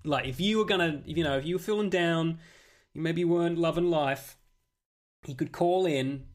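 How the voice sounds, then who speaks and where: A man's voice: a little high, moderate pace. Easygoing man chatting on a podcast. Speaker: podcast co-host. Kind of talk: casual chat.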